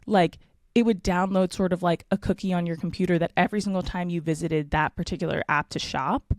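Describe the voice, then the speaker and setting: Hoarse female podcast co-host, lowish voice, dry close sound, chatty and filler-heavy. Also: fairly even intonation, a little fast, no room sound. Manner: leads into stories, lots of fillers. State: hoarse morning voice. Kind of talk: casual chat.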